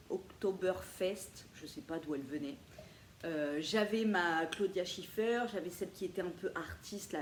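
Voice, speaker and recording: A woman, chatting casually and playfully to viewers about her thrift finds. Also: fairly low pitch. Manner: chatty, animated, laughs often, playful asides. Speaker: vintage thrift haul vlogger. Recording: echoey room with faint ambient noise.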